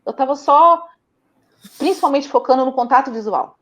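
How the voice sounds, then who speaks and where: In a high-pitched voice at a normal pace, a young Brazilian woman speaks with a Brazilian Portuguese accent. She is a mother giving a casual interview, and she narrates stories with energy and laughs often.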